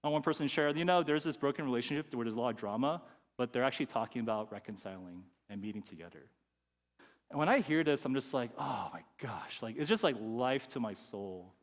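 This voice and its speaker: A pastor giving a conversational sermon, sometimes acting out people's inner thoughts. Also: male voice, mid-range voice, lively intonation, quick pace, big-room sound. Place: church sanctuary.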